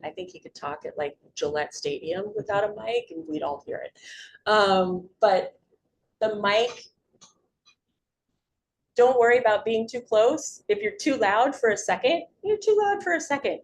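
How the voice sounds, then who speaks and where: A woman's voice: mid-range voice, a little hiss or hum, poor audio. A middle-aged woman giving an informal community presentation on public speaking, chatty and upbeat, often checking in with her listeners. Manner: chatty, upbeat, frequent "right?" check-ins.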